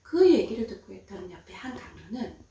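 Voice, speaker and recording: A woman tells a Bible story to children as a Sunday school preacher, animated and full of dramatic emphasis. Her voice sits high and swings widely in pitch. It is captured from a distance in a very echoey church room. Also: brisk, noisy background.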